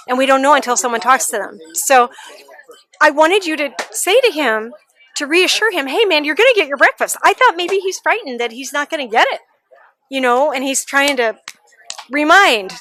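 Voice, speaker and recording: A woman telling lively, laughing stories about her cat in a casual interview. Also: sits high. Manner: animated, laughing storyteller. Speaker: interviewee, pet owner. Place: outdoor adoption event.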